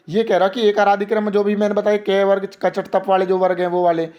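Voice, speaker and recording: A young man teaching an exam-prep grammar lesson, asking questions and answering them himself, and slowly repeating example words. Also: sits high, a little mellow.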